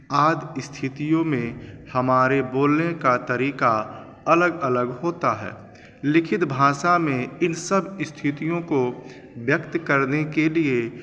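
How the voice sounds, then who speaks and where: A male teacher explaining a textbook chapter in a classroom lesson, reading passages slowly and then restating them simply, mixing in English terms. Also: medium pitch, fairly bright tone. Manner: reads quoted passages slowly, then explains in plain words; mixes English terms into his talk. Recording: reverberant room, slightly dull sound with faint noise.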